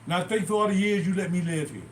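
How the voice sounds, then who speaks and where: A man's voice: sits high, very fast, slight background noise. A man in his sixties rambling through stories from his youth on a casual livestream, recorded in a small bathroom at home. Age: 60s. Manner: rambling, animated, digressive. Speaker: livestream host. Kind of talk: casual storytelling.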